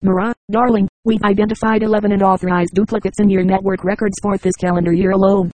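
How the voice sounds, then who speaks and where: A firm middle-aged father in an audiobook, stern and pressing, as the narrator puts him on. He speaks in an even, flat tone. The sound is dry and close to the mic. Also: sits high, quick pace, no echo, close to an everyday voice, rough recording.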